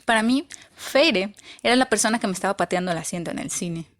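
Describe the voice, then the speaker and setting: A woman talks through a book review in a casual, unscripted way. Her voice sits at an ordinary mid pitch, and she is blunt and opinionated, pressing her points by repeating them. Dry, sarcastic asides run through her talk. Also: lively intonation, fast talker.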